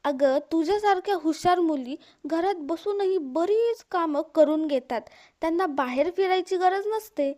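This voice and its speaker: A woman's voice: very high voice, animated, moderate pace, warm tone. A woman voicing a harsh, taunting sister-in-law. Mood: scolding. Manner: accusing, taunting.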